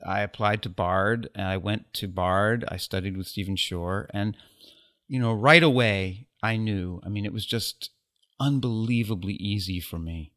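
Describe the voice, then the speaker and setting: In a casual interview, an American guest photographer speaks thoughtfully, with self-deprecating, wry humor and um-filled pauses. His voice is lowish and a bit bright.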